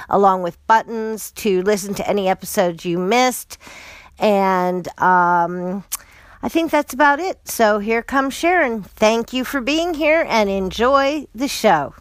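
A woman hosting a podcast in a casual, chatty way, with a gravelly voice hoarse from a cold. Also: mid-range voice, no echo. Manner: chatty, upbeat, spells things out slowly. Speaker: podcast host.

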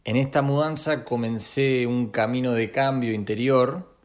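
A young man, a guest musician speaking in a thoughtful, measured first-person monologue with small restarts. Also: mid-range voice, steady tone. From Argentina. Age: young adult.

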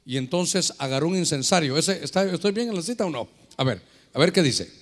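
A man preaching as pastor, animated and preachy, acting out prayers and dialogues as he answers questions. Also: fairly high pitch, fairly quick, in a large hall. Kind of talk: lively sermon with questions from listeners.

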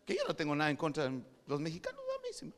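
A man from Guatemala with a Guatemalan Spanish accent, preaching a sermon and swinging between quiet asides and shouted preaching. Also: fairly high pitch, wildly swooping pitch, quick pace, in a large hall.

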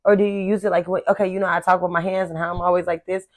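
A woman's voice: on the low side, level tone, racing, no room sound. A woman co-hosting a podcast, chatty and profane, laughing often between remarks. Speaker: podcast co-host. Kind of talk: casual chat.

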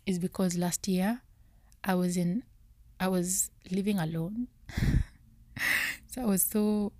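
Woman musing in a low half-whisper. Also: steady tone, slow, pauses often, dark tone, dry recording. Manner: searching, self-correcting musing. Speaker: podcast host. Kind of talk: thinking-aloud Bible study.

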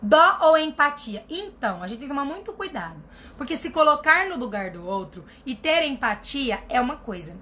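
Woman therapist, blunt and emphatic, bright voice with faint room noise. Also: sits high, sing-song, moderate pace. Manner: blunt, emphatic, repeats herself for stress. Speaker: family constellation therapist answering viewer questions. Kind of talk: casual live advice reading comments.

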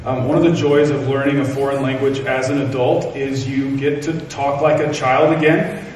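A man's voice: mid-range voice, flat delivery, moderate pace, darkish tone, a little hiss or hum. A man preaching a sermon, telling stories with self-deprecating humor. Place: church hall. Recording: echoey hall from far off.

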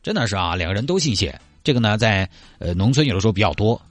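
A man's voice: lowish voice, expressive, fast talker, dry recording, soft background music. A male radio host telling a comic story in a chatty way, speaking straight to the listener. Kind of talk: comic scripted storytelling with acted dialogue.

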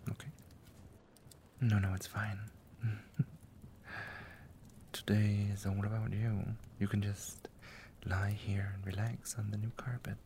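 A man voicing an affectionate, doting male dragon lover in an ASMR roleplay, talking softly and often in a tender whisper. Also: on the low side, flat delivery, slow, pauses often, a little hiss or hum.

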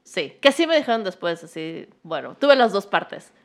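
A woman with a Mexican accent co-hosting a casual chat, relaxed and slangy, with lots of fillers and agreeing murmurs. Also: lowish voice, moderate pace. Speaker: podcast co-host.

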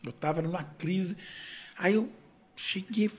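Recounting his personal testimony, a gospel singer acts out the conversations and moves between loud and hushed with animation. His voice sits high, slow and edged with breathiness.

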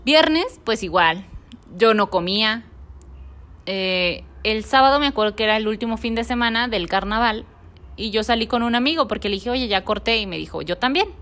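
A woman with a Mexican accent speaks in a relaxed, conversational way. She tells a personal story to an interviewer and replays each line of dialogue she remembers in her own voice. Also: on the high side, moderate pace.

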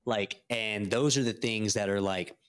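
Low-voiced rambling guest from Texas. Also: male voice, a little slow, a bit bright, smooth. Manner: rambling, lots of fillers and restarts. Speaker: podcast guest. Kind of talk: casual sports chat.

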